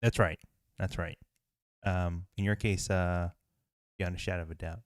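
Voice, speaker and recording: In clean studio sound without echo, a podcast co-host with a deep, steady voice talks at a moderate pace. His casual chat rambles, packed with fillers and restarted sentences.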